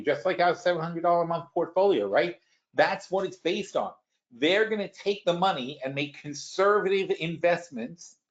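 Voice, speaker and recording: A man with a slightly high voice hosts a stock market webinar, rambling through finance topics, often restarting and talking through worked examples. The sound is lo-fi.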